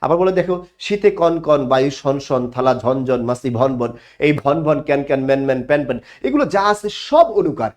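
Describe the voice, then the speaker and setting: A man's voice: medium pitch, big pitch swings, fast, few pauses. A man teaching an online class, explaining grammar and answering his own questions. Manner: explanatory, asks questions and answers them himself.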